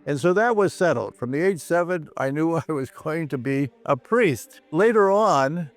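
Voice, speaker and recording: An older man, a priest and professor, giving a reflective, plain-spoken personal testimony, repeating phrases for emphasis. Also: medium pitch.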